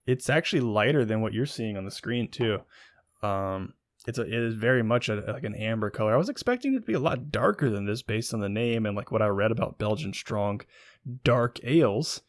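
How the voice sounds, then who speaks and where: A man's voice: on the low side, lively intonation, a little fast, no room sound. A young man, co-hosting a casual beer-review podcast and rambling through his notes with plenty of ums. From Virginia, USA. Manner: rambling, chatty, lots of ums and likes. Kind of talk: casual chat.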